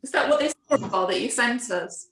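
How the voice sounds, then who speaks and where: A woman on a video call in a craft class, asking short, halting questions. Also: a little high, animated, a bit bright, a little hiss or hum. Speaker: class participant. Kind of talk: casual video-call chat. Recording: echoey room with music behind.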